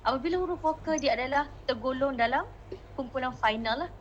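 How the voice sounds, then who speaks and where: In a lo-fi recording with a little hiss or hum, a woman with a Malaysian Malay accent teaches a Mandarin class. Her voice is high-pitched and a little fast as she mixes languages, coaxing her students and modeling the tones.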